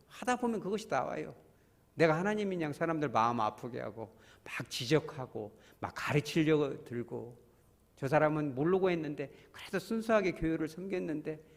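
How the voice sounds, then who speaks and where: A man's voice: a little high, vocal fry, long reverb tail. A man preaching a sermon as pastor, talking with the congregation in a conversational way, asking them questions and acting out voices. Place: church.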